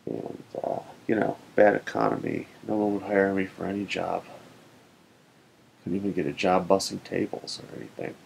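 A drunk young man rambling through a casual webcam vlog in a small room, meandering, with long pauses and a gravelly voice. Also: steady tone, poor audio. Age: young adult. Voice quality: gravelly, creaky. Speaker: vlogger. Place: small wood-panelled room, indoors. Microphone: built-in webcam laptop microphone. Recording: faint noise, low rumble.

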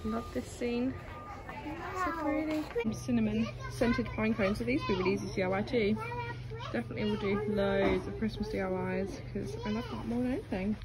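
A woman's voice: medium pitch, fairly even intonation, brisk. A young woman filming herself around a large indoor garden centre on her phone. She narrates casually and gushes, piling on "love" and "so beautiful" as she browses. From Essex, England. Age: young adult. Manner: chatty and gushing, lots of "love" and "so beautiful". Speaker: vlogger. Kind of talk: casual shopping vlog narration. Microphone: handheld phone camera.

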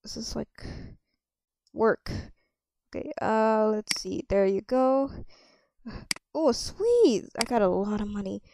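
A woman's voice: a little high, animated, slow, darkish tone, a little hiss or hum. Chatty woman playing a cafe server. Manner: chatty, thinks aloud with many ums. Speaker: player running a cafe. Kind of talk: casual game role-play.

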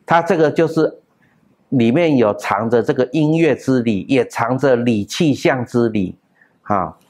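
A man giving a classroom lecture on classical texts, explaining step by step with drawn-out particles and sung example tones. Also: medium pitch, darkish tone. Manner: explains with pauses, drawn-out particles, chants and hums sounds.

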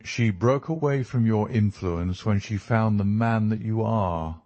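A man voicing a composed, authoritative detective in a storybook reading, formal, measured and stern. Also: on the low side, darkish tone, no room sound, lo-fi sound.

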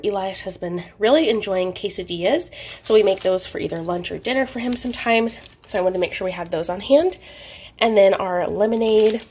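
Filming herself on a phone at arm's length, a congested woman in her thirties gives a relaxed vlog chat, moving from a parked car to her home kitchen. Plenty of ums and small laughs pepper her speech. Her medium-pitched voice is a little mellow and slightly rough.

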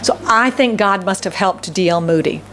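Through a podium microphone with a little hiss or hum, a middle-aged American woman pastor preaches at a moderate pace in a medium-pitched voice. Standing in a church hall, she's loud, repeats key phrases, and questions the congregation.

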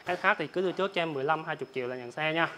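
A young man with a southern Vietnamese accent giving an informal, repetitive hard-sell pitch as a motorbike salesman, reeling off prices for buyers. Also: rapid-fire, bright, forceful tone, poor audio. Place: large open-sided motorbike warehouse. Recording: clear ambient noise of open warehouse.

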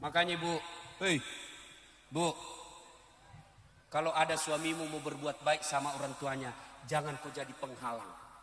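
A middle-aged man preaching a lively, joking sermon, acting out wives and husbands in put-on voices. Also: fairly high pitch, normal speed, pauses often. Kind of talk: sermon at a large public gathering. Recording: echoey hall with long reverb.

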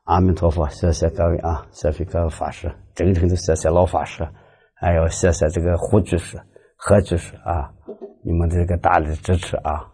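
A man's voice: low-pitched, flat delivery, normal speed, dark tone, breathy edge. A man giving a storytelling Buddhist talk, animatedly acting out the dialogue of his stories. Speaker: lay Buddhist speaker.

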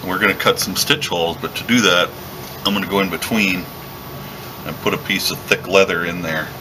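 A man giving a relaxed, step-by-step leatherworking tutorial while he works at a workshop bench, recorded by a camera above the bench. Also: sits low, fairly quick, noisy background. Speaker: leatherworking instructor. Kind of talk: hands-on craft tutorial.

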